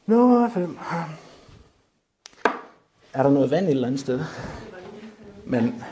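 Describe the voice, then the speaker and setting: A man preaching a lively sermon, joking with the congregation and shouting to drive points home. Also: medium pitch, noisy background.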